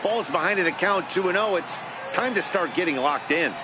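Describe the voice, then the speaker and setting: A man's voice: high voice, expressive, fairly quick. A man giving conversational colour commentary and analysis on a baseball game. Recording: very loud crowd and stadium noise.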